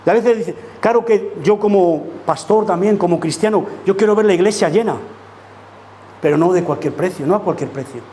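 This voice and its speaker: Speaking a little fast in a high, mellow voice, a man preaches as pastor in a church, emphatic and posing rhetorical question after rhetorical question to the congregation. A little hiss or hum can be heard.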